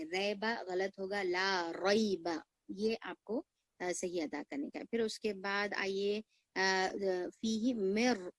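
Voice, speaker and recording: A woman teaching recitation to beginners, patiently repeating words slowly for learners to copy. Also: mid-range voice, dry recording. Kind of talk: recitation lesson.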